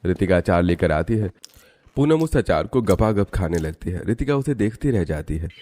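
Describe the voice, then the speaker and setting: A man narrating an animated cartoon story in a steady storytelling manner. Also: low-pitched, moderate pace.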